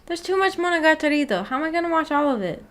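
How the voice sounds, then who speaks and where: Her voice sits high, with a fairly bright tone, and she talks very fast and expressively. She's a woman streamer answering her viewers' chat in a casual livestream, giggling, using slang, and teasing them playfully.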